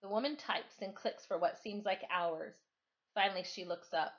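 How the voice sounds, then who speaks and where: Dull, lo-fi webcam sound captures a middle-aged teacher at home on her couch. She reads a novel aloud to her pupils, then talks to them informally, using a medium pitch at a normal speed.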